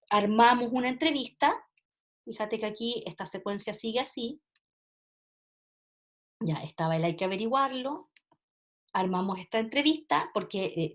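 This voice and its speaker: A woman lecturing teachers on teaching, explaining step by step and asking many rhetorical questions. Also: fairly high pitch. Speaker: teacher trainer.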